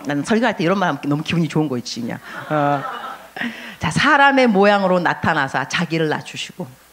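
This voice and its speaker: A woman's voice: low voice, very animated, a little fast, a bit bright, slight background noise. A middle-aged woman pastor giving a sermon, acting out inner voices and mixing in English phrases.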